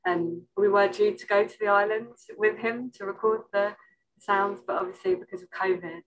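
On a video call from a room indoors, an island-born woman curator talks casually on a panel about an exhibition. She speaks at a moderate pace in a mid-range, fairly even voice, groping hesitantly for her words, and the recording is rough.

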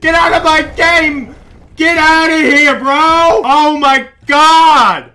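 A man's voice: very high-pitched, slow pace. A man in his twenties reacting live to video games as a streamer, in incredulous, sweary outbursts into a headset mic. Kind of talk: excitable live gaming reactions. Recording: loud game music behind the voice. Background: video game music.

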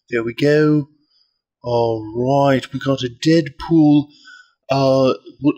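A man putting on a polite, earnest golf commentator, giving measured, deliberate mock sports commentary. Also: medium pitch, darkish tone. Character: mock golf announcer, male, polite, earnest, calling an unboxing.

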